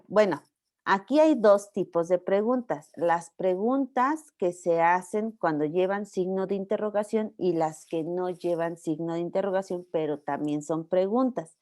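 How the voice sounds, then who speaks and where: Patient Mexican woman lecturer, explains slowly and checks in with students. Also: mid-range voice, warm tone. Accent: Mexican Spanish. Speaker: university teacher. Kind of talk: online class lecture.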